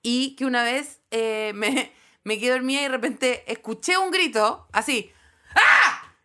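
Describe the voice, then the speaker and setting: A Chilean woman in her thirties co-hosting a casual chat, telling stories in an animated, laughing way. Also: a little high, normal speed. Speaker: podcast co-host.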